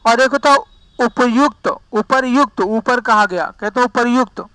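A man teaches grammar in a chatty, folksy way. His voice sits very high and sounds bright and forceful, and it is recorded close and dry with no room sound. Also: normal speed, smooth, no room sound, low-quality recording. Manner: chatty, folksy, drifts into dialect asides. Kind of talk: classroom lesson.

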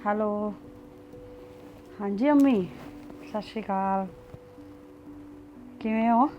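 A woman's voice: mid-range voice, takes it slowly, lo-fi sound, over music, natural voice. A young woman acting as a polite, eager newly married daughter-in-law in a family drama. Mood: polite phone chat.

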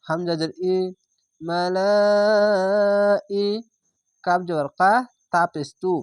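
A man teaching how to read scripture, spelling it out syllable by syllable in a patient, drawn-out way and repeating the rules. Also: a little high, steady tone, no room sound, clean studio sound. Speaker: Quran reading teacher. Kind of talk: spelling-out recitation lesson.

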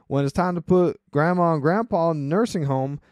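A man's voice: on the high side, brisk, a little mellow, dry recording. Dry, wry male podcast host. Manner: wry, rambling, sarcastic asides. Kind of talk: casual solo commentary.

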